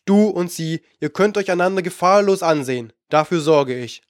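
A man reads a scheming old sorcerer who talks down to everyone, sneering and impatient in his storybook scenes. The voice sits somewhat high, and the recording is close and dry. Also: animated, moderate pace, no room sound. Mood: condescending. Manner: condescending, impatient. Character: scheming, mocking older male sorcerer.

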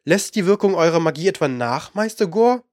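A man's voice: a little high, animated, brisk, a little mellow, no room sound, clean studio sound, close to an everyday voice. A man putting on a proud queen. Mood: demanding. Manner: astonished, demanding. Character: proud young queen on horseback.

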